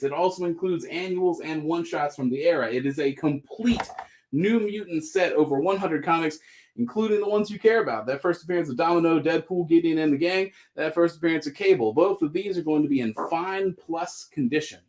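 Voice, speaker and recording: Upbeat man pitching comics live. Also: moderate pace. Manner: upbeat, joking pitchman patter. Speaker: host selling comics on a live stream. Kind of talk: live sales chat.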